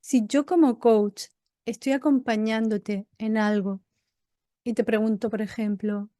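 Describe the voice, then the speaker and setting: A woman teaching an online coaching course as its instructor, explaining in a didactic way and listing items in short, measured phrases. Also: a little high, fairly even intonation, mellow, no room sound. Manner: acts out example tones of voice.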